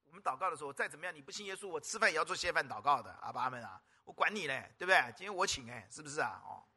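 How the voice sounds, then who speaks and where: A man's voice: fairly high pitch, lively intonation, very fast, sharp tone, slightly rough. A male pastor preaching a sermon at a church service, constantly calling out to the congregation with rhetorical questions. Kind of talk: lively sermon.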